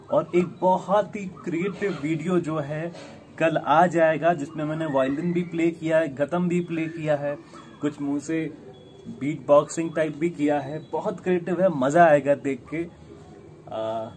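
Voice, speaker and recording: A man teaching a flute lesson online, friendly and encouraging, who sings the note names out slowly for students to follow. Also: fairly high pitch, a little mellow, a little hiss or hum.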